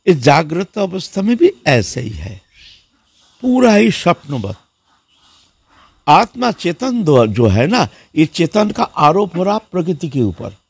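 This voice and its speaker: Male monk, sermon storyteller, lively rising and falling delivery, dry close sound. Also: a little high, takes it slowly, husky, no room sound. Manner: lively storyteller who acts out the people in his story; repeats words and fills with "haan". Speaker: monk preacher.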